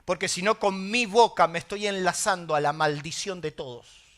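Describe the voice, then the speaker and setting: High bright-voiced Argentine pastor preaching. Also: male voice, moderate pace. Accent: Argentine Spanish. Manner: animated storytelling with emphatic exclamations. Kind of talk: sermon.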